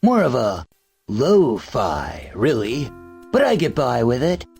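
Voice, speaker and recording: Kent, a gravelly dopey stoner hipster. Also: male voice, mid-range voice, huge pitch swings, slow pace, a little mellow, soft background music, exaggerated voice. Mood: laid-back. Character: lazy stoner hipster man, mellow and dopey. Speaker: game character Kent. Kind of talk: voiced video game dialogue.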